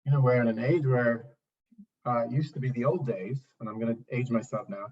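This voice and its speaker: In a relaxed interview, a middle-aged Trinidad and Tobago man who writes and sings songs gives rambling, reflective, self-deprecating answers. His mid-range voice is husky and darkish, and he talks fairly quickly. Recorded from afar, the audio is lo-fi.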